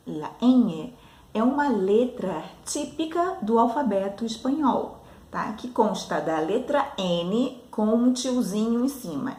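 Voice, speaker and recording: Slow, patient woman teaching Spanish words. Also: medium pitch, roomy sound. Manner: repeats each word twice, explaining patiently. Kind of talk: slow spoken language lesson.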